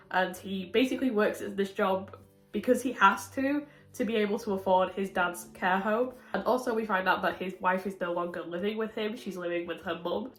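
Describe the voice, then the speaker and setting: A woman with a slight cold gives a casual, chatty book review, sounding muffled as if through a window. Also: medium pitch. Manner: informal, laughs often as she talks. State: a little sick with a cold. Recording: roomy echo, muffled sound.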